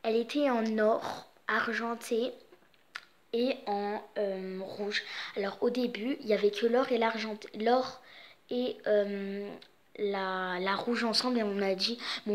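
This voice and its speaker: A young woman giving a casual, rambling tour of her home's Christmas decorations, with many fillers. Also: medium pitch. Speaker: vlogger. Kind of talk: casual home tour vlog.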